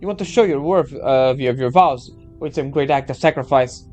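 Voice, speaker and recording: A man voicing a stern, self-critical female knight mentor in a game story, admonishing and halting. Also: mid-range voice, darkish tone, soft background music, lightly acted. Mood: stern, reproachful. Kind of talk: game story read aloud.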